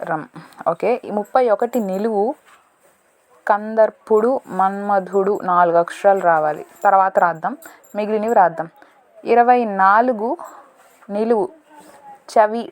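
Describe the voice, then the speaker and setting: A woman solving a word puzzle in a casual lesson, thinking aloud, slow and deliberate, correcting herself as she goes. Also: medium pitch, steady tone. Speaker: teacher solving a crossword.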